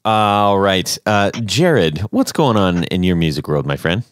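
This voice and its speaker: A man hosting a podcast, interviewing a guest in relaxed chat, joking and laughing often. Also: deep voice, measured pace, smooth, no echo, studio quality. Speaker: podcast host.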